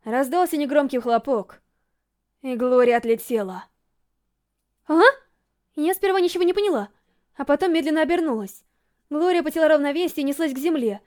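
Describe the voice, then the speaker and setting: A woman reading a first-person novel aloud as an audiobook narrator, with dramatic, emotionally expressive storytelling. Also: high-pitched, fast.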